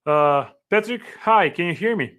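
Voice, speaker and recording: A man hosts an online conference over a video call, introducing the next speaker. His voice sits quite high for a man, and he speaks haltingly, with many fillers. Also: lively intonation, a bit bright. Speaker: conference moderator. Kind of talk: introducing a speaker, casual chat.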